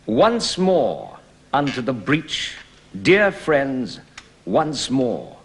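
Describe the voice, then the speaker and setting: A warrior king urging his troops into battle. He declaims in a stately, drawn-out way, his pitch leaping wildly from line to line. Every word is stretched out very slowly. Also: big pitch swings, slight background noise, full character voice. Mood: rousing. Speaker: actor in a verse workshop. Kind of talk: declaimed Shakespearean verse.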